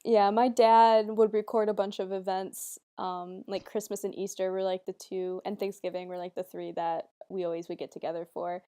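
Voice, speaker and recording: A young woman co-hosting a podcast, laughing easily and telling stories that trail off quietly. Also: mid-range voice, level tone, normal speed, hardly any pauses, smooth. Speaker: podcast co-host. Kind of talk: casual chat.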